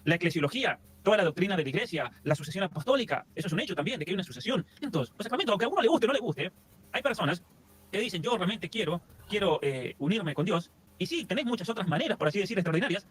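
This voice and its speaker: A man's voice: high-pitched, animated, husky. A man, a guest in an interview, explaining at length in long lists. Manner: rapid, explanatory, lists things in long chains. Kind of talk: casual interview.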